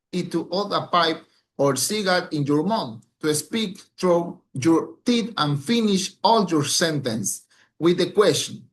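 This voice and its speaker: A man speaking in a somewhat high voice gives a recited presentation for an English exam. He talks very slowly and carefully, and now and then he stumbles and corrects himself. There is a faint hiss of background noise. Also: a bit bright. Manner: slow, careful delivery with small slips and restarts. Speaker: English language student.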